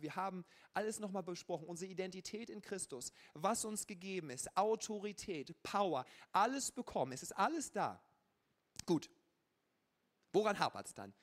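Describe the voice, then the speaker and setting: Sex: male. Role: preacher. Style: casual, lively sermon to a congregation. Pitch: high for a man. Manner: colloquial and conversational, with frequent filler ja. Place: church service.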